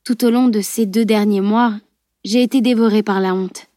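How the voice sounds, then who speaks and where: Woman as a sorry young guy, soft and earnest, storybook read. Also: mid-range voice, fairly even intonation, normal speed, no room sound, studio quality, natural voice. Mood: remorseful. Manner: soft, apologetic. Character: remorseful young man, apologetic brother.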